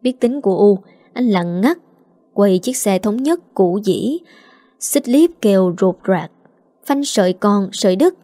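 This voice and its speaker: A woman reading a village drama story aloud in a steady, expressive way. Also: medium pitch, unhurried, no room sound. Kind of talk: audiobook story narration. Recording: dry close mic with faint music.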